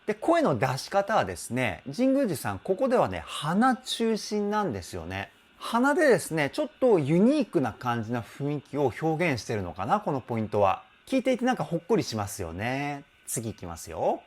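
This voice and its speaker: A male vocal coach breaks down a song's vocals, his pitch swooping wildly from low to high as he explains. He is enthusiastic and exclaims often, then turns polite and apologetic in quick asides. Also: huge pitch swings. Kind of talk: song reaction and vocal analysis.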